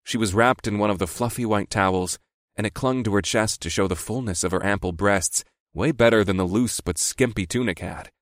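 A man's voice: on the low side, a little fast, dry recording, clean studio sound. A man narrating a first-person story in a wry, sardonic manner. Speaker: audiobook narrator.

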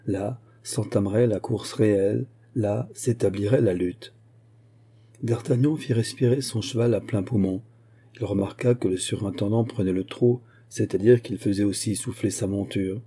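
Dark, husky male audiobook narrator. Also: fairly low pitch, steady tone. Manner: measured, dramatic reading. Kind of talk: audiobook narration of a classic novel.

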